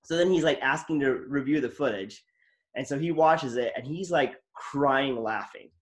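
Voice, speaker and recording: A man's voice: mid-range voice, moderate pace. A man hosting a casual interview, telling stories in an enthusiastic, rambling way. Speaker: podcast host.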